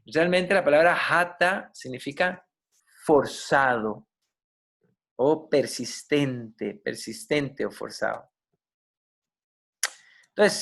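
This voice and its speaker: A man, giving a yoga class lecture. He explains slowly, spells out and repeats Sanskrit words, and keeps checking in with his listeners. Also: a little high, gravelly, a bit bright. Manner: checks in with listeners, asking ok and right. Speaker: yoga teacher.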